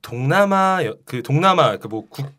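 A man hosts a casual talk podcast. He questions his guests closely and needles them playfully. His pitch ranges widely through each question. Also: lively intonation, normal speed, bright, forceful tone. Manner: probing, teasing interviewer. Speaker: podcast host. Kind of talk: casual chat.

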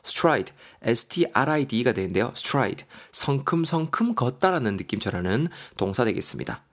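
A man teaching English vocabulary in a lively way, spelling out words letter by letter and repeating them. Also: medium pitch. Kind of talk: language lesson.

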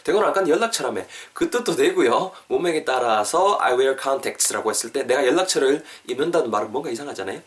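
A man's voice: mid-range voice, animated, recorded from a distance. A man with a Korean accent, a native Korean speaker, hosting a casual podcast English lesson. He chats along, spells words out letter by letter and corrects himself as he goes. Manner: chatty, spells words out slowly, self-corrects. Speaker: English teacher, podcast host.

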